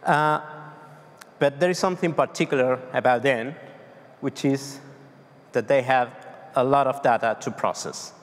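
With a mid-range voice, a slightly slow pace and long pauses, a Spanish-accented man from Argentina in his thirties gives a tech talk. He fumbles loosely through fillers and restarts. He is on stage in a large, dark conference hall, and the recording has a long reverb.

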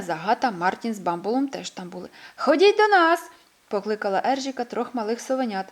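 A woman reading a children's story aloud in a gentle, expressive way. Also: medium pitch.

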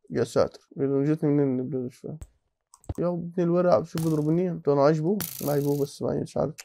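A young man speaking Egyptian Arabic races through his Minecraft gameplay commentary, muttering to himself as he digs. His voice sits fairly high and his words tumble out fast. Faint keyboard and mouse clicking runs behind him. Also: a little hiss or hum. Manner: excitable, mutters to himself, bursts into alarmed shouts. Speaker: gaming channel host.

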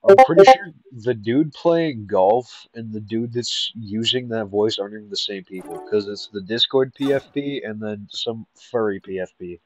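A man's voice: lowish voice, moderate pace, few pauses, dull audio, music in the background. A young man chatting casually and crudely while recording a gaming video over voice chat. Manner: crude, joking banter. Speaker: gaming YouTuber.

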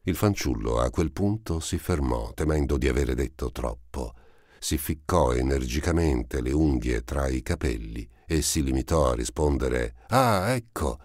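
A man narrating a classic novel for an audiobook in a steady, measured reading. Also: rumbling low, dry recording, clean studio sound.

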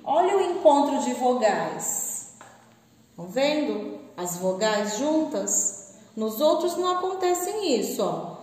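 Patient woman teacher, very slow and lively-pitched, recorded from afar in a roomy, echoing classroom. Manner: slow, patient, spells out syllables. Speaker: school teacher. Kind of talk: recorded classroom lesson for pupils. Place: classroom with a board. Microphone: camera at a distance. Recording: echoey room, far from the mic.

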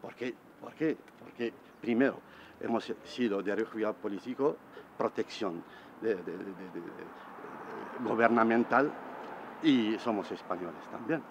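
A man in his forties speaking indignantly on a city street, halting and repeating words as he talks. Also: lowish voice, gravelly, muffled recording, background noise. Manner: halting, repeats words while searching for them; indignant, gestures and points while talking. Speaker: evicted resident interviewed on the street. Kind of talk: street interview. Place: city street outdoors beside a van. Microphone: camera mic at close range.

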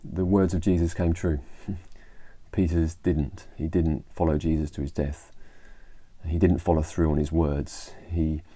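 A man's voice: very deep voice, little pitch movement, measured pace, dark tone, dry recording. An English man giving an informal devotional talk, retelling a Bible story in a conversational way with fillers and restarts. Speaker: church leader.

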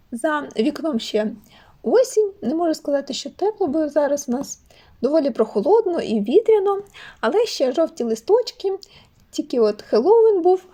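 Cheerful high-voiced ukrainian woman chatting about her crochet toys, soft mellow tone. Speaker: crochet toy maker vlogger. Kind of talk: casual show-and-tell chat.

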